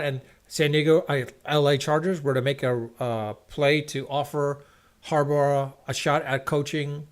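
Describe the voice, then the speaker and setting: A man hosting a live stream, rambling casually about football with lots of restarts and strong opinions. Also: fairly high pitch. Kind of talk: casual sports rant. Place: at home, checking scores on screen.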